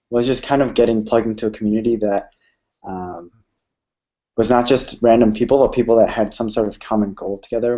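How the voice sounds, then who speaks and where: A man's voice: lowish voice, warm tone. A young man from Illinois, a student peer advisor, chatting easily on a panel. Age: young adult. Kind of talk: casual panel chat. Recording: dull lo-fi audio.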